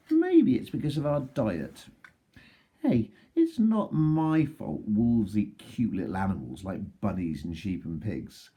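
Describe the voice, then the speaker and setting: Storybook wolf, played by a male reader: folksy, self-justifying, mock-innocent, raspy warm tone, very animated delivery for children. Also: mid-range voice, full character voice. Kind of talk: expressive children's storybook read-aloud.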